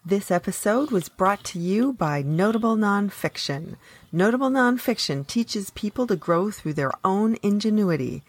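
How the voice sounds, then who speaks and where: A woman host reading the scripted closing of her podcast in a brisk, upbeat way. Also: mid-range voice, lively intonation, no room sound. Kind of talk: scripted outro read.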